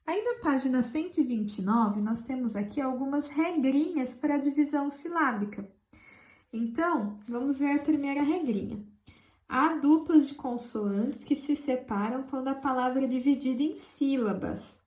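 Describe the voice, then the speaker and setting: A Brazilian woman teaching a school lesson to children, explaining patiently, spelling words out slowly and calling her pupils affectionate names. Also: high-pitched, a little mellow, reverberant. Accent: Brazilian Portuguese.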